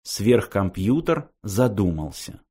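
Male audiobook narrator, animated, swinging pitch. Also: takes it slowly, slightly rough. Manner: animated storytelling.

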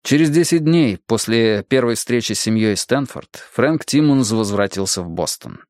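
A man narrating an audiobook in a steady, measured storytelling manner. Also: mid-range voice, dry recording, clean studio sound. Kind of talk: scripted narration.

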